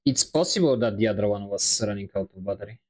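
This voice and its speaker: A man's voice: fairly low pitch, expressive, fast, darkish tone, breathy edge, low-quality recording. A man streaming while he paints, chatting casually and rambling in a self-deprecating way on a wireless lapel mic. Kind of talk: casual chat on a live stream. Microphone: wireless lapel microphone.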